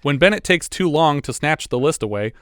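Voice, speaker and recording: A man's voice: on the high side, a little fast, clean tone, dry recording. Chatty man recapping a film, dry sound. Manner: relaxed, chatty, recaps plot with asides. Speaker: podcast co-host. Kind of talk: casual movie recap and chat.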